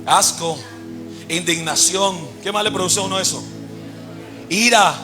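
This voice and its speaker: High-voiced pastor, preaching. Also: male voice, over music. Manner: fires quick questions at the congregation and has them complete his sentences; swings between loud, raised emphasis and low, quiet asides. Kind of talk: sermon. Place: church service.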